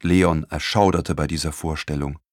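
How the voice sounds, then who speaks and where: A man narrating a children's storybook in an expressive, animated reading. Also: a bass voice, moderate pace, no echo, clean studio sound. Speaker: audiobook narrator.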